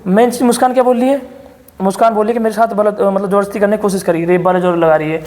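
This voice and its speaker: A man in an interview telling his side of events in a rapid, insistent storytelling way. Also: high voice, steady tone, a little mellow, in a large hall. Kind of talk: defensive interview account.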